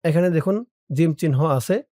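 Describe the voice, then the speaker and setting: A man's voice: a little high, animated, moderate pace, darkish tone, no echo, studio quality. A man teaching Quran recitation step by step, patiently explaining pronunciation and repeating phrases for viewers to copy.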